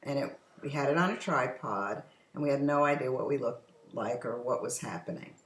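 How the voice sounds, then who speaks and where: A woman's voice: extremely low pitch, expressive, fairly quick, reverberant, a little hiss or hum, low-quality recording. An older woman hosting a casual home chat, telling stories in a talkative way. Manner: chatty storytelling, often laughing. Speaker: host. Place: home patio. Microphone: computer's built-in microphone.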